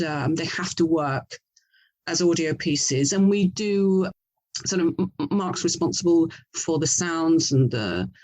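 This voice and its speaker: In this low-quality recording, an Englishwoman who writes books and produces audio dramas is being interviewed in a conversational way. Her voice sits low with a darkish tone, and she works through her explanations aloud, often stopping to correct herself.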